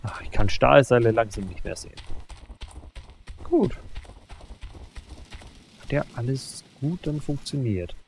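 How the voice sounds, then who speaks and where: A man talks through his game in a casual running commentary, bursting into excited exclamations as things go wrong or right. His voice is gravelly and his pitch swings about animatedly. A faint hiss of noise sits under the recording. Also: measured pace, pauses often. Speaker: let's play host.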